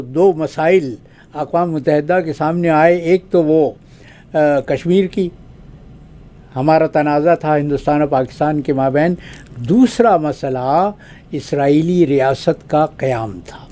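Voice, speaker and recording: Older guy, retired diplomat giving analysis, kinda high but mellow voice, slow formal talk with lots of uhs. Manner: measured and formal, pausing with drawn-out fillers. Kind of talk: formal spoken commentary.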